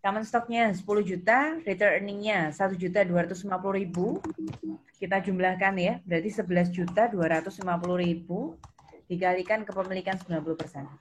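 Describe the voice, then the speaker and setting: Speaking fairly quickly with medium pitch and fairly even intonation, a woman teaches accounting online, explaining each step in an instructive way. She questions her students as she goes and echoes their answers back, over noise, typing and clicks.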